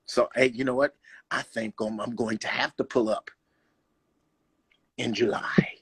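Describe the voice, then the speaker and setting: A man talking casually as a guest roller skater, in an animated way, with loose slang and a habit of restarting phrases. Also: medium pitch, moderate pace, husky. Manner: animated, loose slang, restarts often, says "you know what I'm saying". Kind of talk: casual conversation.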